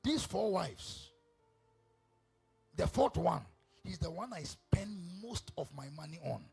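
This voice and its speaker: A man voicing a wealthy, dying king who pleads with his wives in soft, low tones. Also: expressive, takes it slowly, creaky, over music, heavily acted. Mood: pleading.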